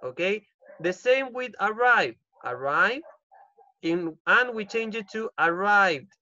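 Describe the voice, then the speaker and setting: A man's voice: high voice, lively intonation, takes it slowly, sharp tone, no room sound, highs cut off. A male English teacher with a Chilean accent, giving an online class and repeating each rule in Spanish with frequent "ok?" checks. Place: home. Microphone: computer mic on a video call.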